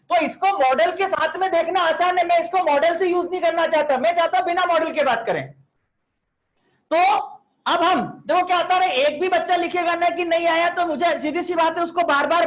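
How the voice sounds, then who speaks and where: A man's voice: very high-pitched, fairly bright tone. A man teaching a chemistry class online, chatty and coaxing, scolding students by name and mixing English terms into his talk.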